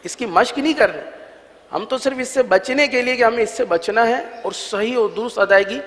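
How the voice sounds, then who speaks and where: A man teaching a religious recitation lesson, patiently sounding out each letter slowly and repeating it for learners to copy. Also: very high-pitched, a bit bright, in a large hall.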